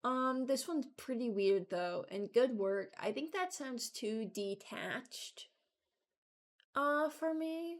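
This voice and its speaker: A woman creator ranks game voice lines in casual, unscripted commentary, sounding hesitant as she thinks aloud. Her voice is high-pitched and animated, and she speaks slowly.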